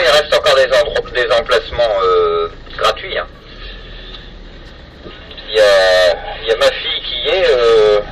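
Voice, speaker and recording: A middle-aged amateur radio hobbyist from France chats casually over a two-way radio in a French accent, sounding hesitant and halting. His mid-range voice is a bit bright, and the FM contact is distant and very noisy.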